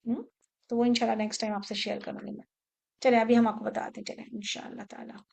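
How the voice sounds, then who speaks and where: A woman teaching an online Quran memorization class, giving brisk instructions, checking in often with her students, and slowing down to recite verses. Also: fairly high pitch, little pitch movement, gravelly, darkish tone. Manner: switches between brisk instructions and slow, drawn-out recitation of verses; checks in often with the class, repeating short questions.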